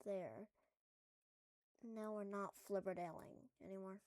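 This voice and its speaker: A woman's voice: mid-range voice, steady tone, unhurried, darkish tone, dry recording. A woman at home making a casual coding tutorial, rambling through jokey asides as she works. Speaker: tutorial maker.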